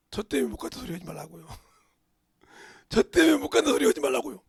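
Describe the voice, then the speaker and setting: A middle-aged male pastor preaching a sermon in a church, dropping to whispers and bursting into shouts. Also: extremely high pitch, gravelly, breathy edge, no room sound, clean studio sound. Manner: swings from hushed whispers to sudden shouts. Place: church sanctuary.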